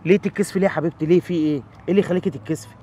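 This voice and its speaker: A man's voice: fairly high pitch, fairly even intonation, racing, mellow, breathy edge. A man with an Egyptian accent playing a protective neighborhood man who lectures in a fatherly, insistent way. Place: outdoors on a city street.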